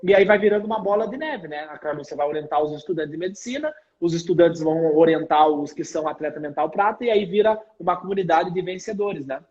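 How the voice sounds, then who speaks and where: Upbeat husky male host, lo-fi. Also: a little high, fast talker, few pauses, darkish tone. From Brazil. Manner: upbeat, promotional, tag questions. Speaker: host, med-prep coach. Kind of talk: live stream interview. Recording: dull lo-fi sound.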